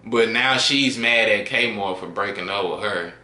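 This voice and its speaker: Slangy low-voiced man in an echoey room. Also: normal speed, pushed and bright. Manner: slangy, drawling, trails off to a mutter at line ends. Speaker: reaction video host. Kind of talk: casual reaction commentary.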